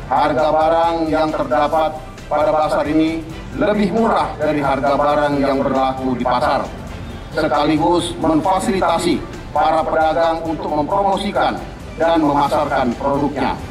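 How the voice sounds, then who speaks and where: A man giving a formal opening speech at a podium at an outdoor event, amplified through loudspeakers. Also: on the high side. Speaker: military commander giving a speech. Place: outdoor field event under a tent. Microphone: podium microphone over PA. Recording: echoey PA from a distance.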